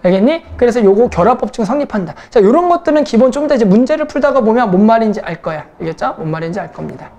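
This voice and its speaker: A woman's voice: on the high side, lively intonation, rapid-fire, hardly any pauses, warm tone. A young woman math teacher lecturing a class, casual and teasing, who keeps checking in with her students.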